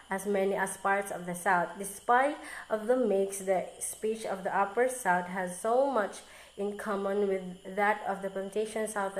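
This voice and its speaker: A woman student reading a recorded class presentation aloud, careful and halting, often restarting on difficult words. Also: mid-range voice, reverberant, poor audio.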